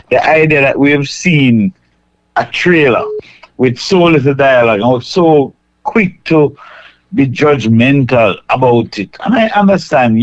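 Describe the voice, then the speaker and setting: A man's voice: medium pitch, no room sound. Jamaican man calling in over phone line. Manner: earnest, measured, thinks aloud with restarts. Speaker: caller. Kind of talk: phoned-in call to a radio show.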